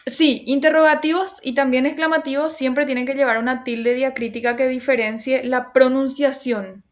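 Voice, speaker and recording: A woman's voice: sits high, fairly even intonation, moderate pace. Patient woman teacher explaining grammar. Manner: patient explaining, often checks with "¿verdad?"; reassuring, laughs at herself. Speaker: language teacher. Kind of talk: online class lecture.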